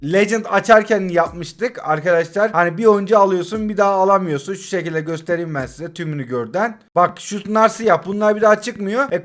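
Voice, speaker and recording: Brief: young man in his twenties, gaming commentator, high voice, frustrated, cursing and begging the game. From Turkey. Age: 20s. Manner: exasperated, swears and pleads with the game; swings between shouting and forced calm. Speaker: gaming YouTuber. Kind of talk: live gameplay commentary.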